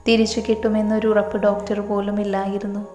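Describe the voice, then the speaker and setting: A woman voicing a gentle, anxious young husband in a soft, earnest tone. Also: medium pitch, level tone, quick pace, close to an everyday voice. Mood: tender. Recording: echoey room, long reverb, soft music.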